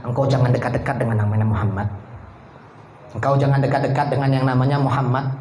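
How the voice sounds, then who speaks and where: A man's voice: medium pitch, flat delivery, fast talker, darkish tone, a little hiss or hum, voice pushed down, lightly acted. A man voicing an old woman who scolds and warns, then turns remorseful, in a preacher's story. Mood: warning. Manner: scolding and warning. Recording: echoey hall.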